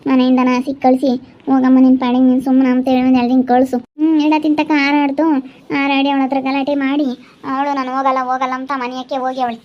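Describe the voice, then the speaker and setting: Quick-paced and level in tone, this high-voiced woman hosts a vlog with a rural Chitradurga Kannada accent. She chats casually and signs off the channel in an urging, insistent, consoling manner, captured on a dull lo-fi recording.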